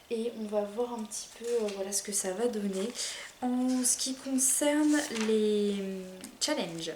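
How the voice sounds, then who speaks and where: Soft-voiced French woman chatting about books. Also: echoey room, a little hiss or hum. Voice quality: low, soft voice. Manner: chatty, hesitant with frequent fillers and restarts. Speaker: book vlogger. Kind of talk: casual monthly reading-list chat.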